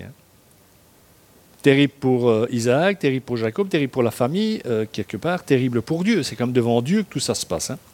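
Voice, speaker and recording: A man at a middle male pitch reads a Bible passage aloud. He keeps stopping for loose, wry asides to his listeners, thinking out loud in an informal way. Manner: chatty asides full of "hein", wry and informal. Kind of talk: bible reading with casual commentary.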